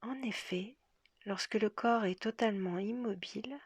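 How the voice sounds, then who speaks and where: This woman's soft, breathy half-whisper guides a yoga nidra relaxation at a medium pitch, with long, measured pauses between phrases. There's no echo on the recording.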